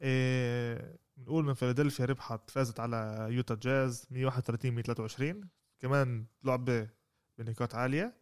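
A man's voice: medium pitch, fast talker, smooth. A man with a Palestinian Arabic accent chatting casually as a sports podcast panelist, repeating phrases for emphasis. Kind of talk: casual chat.

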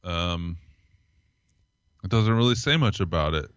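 A man's voice: low voice, expressive, measured pace, a bit bright, smooth, no echo, lo-fi sound. A man co-hosting a podcast, reading strange news stories aloud in a casual chat, with small laughs and fillers. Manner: reads from articles, laughs, hesitant fillers. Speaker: podcast co-host.

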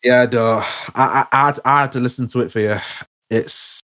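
A man's voice: mid-range voice, steady tone, normal speed, fairly bright tone. A young man in a casual chat about music, who stumbles over and repeats his words with lots of fillers.

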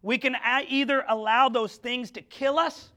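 A male pastor preaching an impassioned sermon to his congregation, full of rhetorical questions and quick stammered restarts. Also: very high-pitched, fairly even intonation, pushed and bright. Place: church sanctuary.

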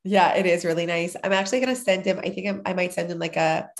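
This woman in her thirties talks fast on a casual podcast she co-hosts, her lowish voice steady in tone. She is chatty and laughs a lot, and she sounds a little nasal and sick.

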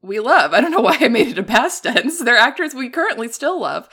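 Bright-voiced playful woman podcast host. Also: fairly high pitch, sing-song, breathy edge. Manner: playful, quick with jokes. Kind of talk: casual podcast chat. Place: home recording setup.

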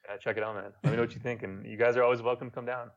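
A young man from Montreal with a French Quebec accent speaks very fast in a mid-range voice with little pitch movement. As a YouTuber guesting on a casual podcast chat, he tells laid-back stories and swears casually. The audio is dull.

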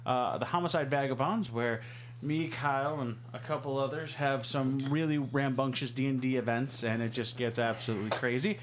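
A man's voice: medium pitch, fairly even intonation, normal speed, a little hiss or hum. A man hosting a podcast in loose, rambling casual chat. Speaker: podcast host.

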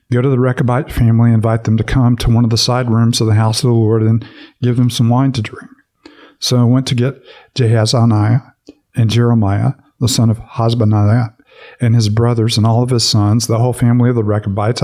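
Mellow and medium-pitched, this man's voice carries a devotional podcast where he reads from the Bible and then muses on the passage casually, dropping in lots of fillers once he's off script.

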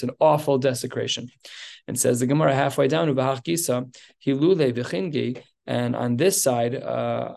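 A man's voice: medium pitch, gravelly, a little mellow. A man teaching a Talmud class, reading Aramaic phrases and explaining them in plain English with fillers and restarts.

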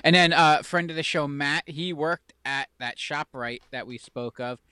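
Higher-voiced, bright man chatting casually. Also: a little slow, smooth, no room sound. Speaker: talk show co-host. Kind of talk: casual chat and anecdotes.

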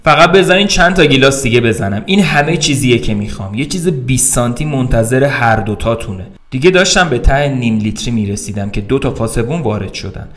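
A man's voice: mid-range voice, lively intonation, few pauses, fairly bright tone. A man narrating a first-person short story aloud for a podcast, in a wry, conversational telling.

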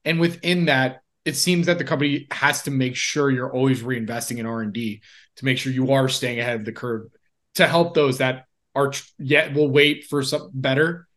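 Male podcast host, mid-pitched and informal. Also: fairly even intonation, moderate pace, fairly bright tone. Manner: informal, rephrases questions as he goes. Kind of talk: conversational business interview.

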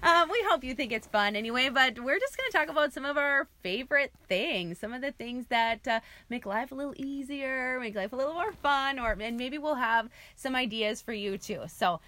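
A woman's voice: sits high, moderate pace, few pauses, sharp tone, dry recording. A playful, giggly woman co-hosting a casual podcast, chatting from inside a large clothes closet. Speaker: podcast co-host and realtor. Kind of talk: casual two-person podcast chat. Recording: dry closet recording.

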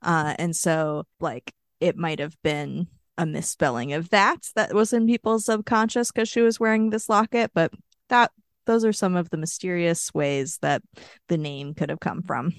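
A woman's voice: lowish voice, fairly even intonation, normal speed, no room sound, studio quality. A woman co-hosting a casual podcast chat, telling a story at length with many fillers and wry asides. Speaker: podcast co-host.

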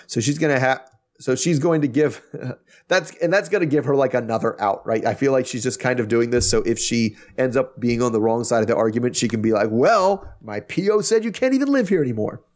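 A man's voice: medium pitch, brisk. Wry, chatty man recapping a show. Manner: animated, wry, with many restarts. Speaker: podcast host. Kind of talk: casual recap chat.

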